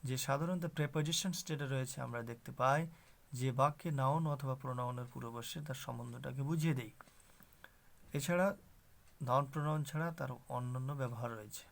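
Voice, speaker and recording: A man's voice: medium pitch, quick pace, creaky. A man teaching an English grammar lesson to students, explaining step by step and asking rhetorical questions.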